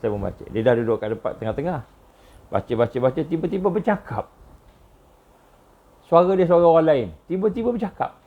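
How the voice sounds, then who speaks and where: A man with a Malaysian Malay accent giving a religious lecture, telling stories with lots of repetition and a voice that jumps high on key points. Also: expressive, a little fast, long pauses, narrow, tinny audio.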